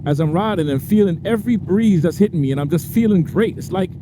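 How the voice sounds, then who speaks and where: Faint traffic and wind noise surround a motorcycle vlogger as he rides outdoors in traffic, chatting casually with viewers. His high, animated voice moves at a quick pace, and he laughs often and stretches out his stresses.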